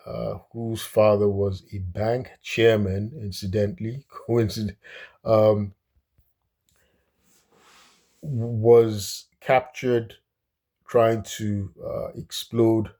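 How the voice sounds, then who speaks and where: A man's voice: on the low side, a little mellow. A man from Nigeria giving casual solo commentary on politics, speaking hesitantly with many fillers and restarts.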